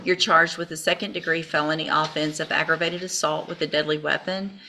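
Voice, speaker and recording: Woman judge, low voice, firm procedural instructions, hissy courtroom recording. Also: steady tone, brisk, creaky.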